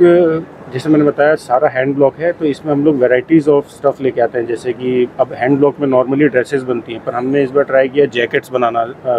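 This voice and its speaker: A man from Jaipur, an exhibitor at a garments fair, answering interview questions in a mix of Hindi and English with many pauses. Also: mid-range voice, darkish tone, slight background noise, poor audio. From Jaipur, India. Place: busy trade fair hall.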